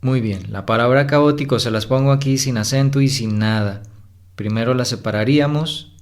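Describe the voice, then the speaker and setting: A man's voice: mid-range voice, normal speed. A man tutor teaching a recorded lesson, stretching out words to show stressed syllables, with frequent fillers.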